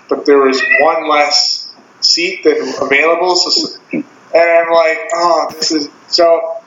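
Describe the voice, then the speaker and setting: A man's voice: on the high side, sharp tone. A man co-hosting a casual podcast, telling a funny story with laughs and swearing. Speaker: podcast co-host. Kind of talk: casual chat. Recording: roomy, dull lo-fi sound with faint hiss.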